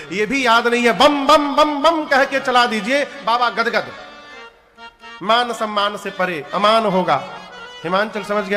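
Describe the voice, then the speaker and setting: A middle-aged man preaches in a high, ringing voice. He acts out each character as he tells the story and slides into chanted verses. His voice rings out across a big reverberant hall over devotional music. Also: bright, forceful tone. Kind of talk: devotional katha sermon with sung verses. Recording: large hall with long reverb. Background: devotional music playing.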